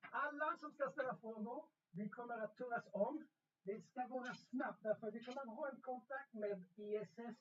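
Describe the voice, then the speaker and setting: A man teacher coordinating students in a rehearsal, giving brisk, hurried instructions with frequent restarts. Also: very high voice, a little hiss or hum. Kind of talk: instructing students, mixing Swedish and English. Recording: lo-fi, distant from the mic.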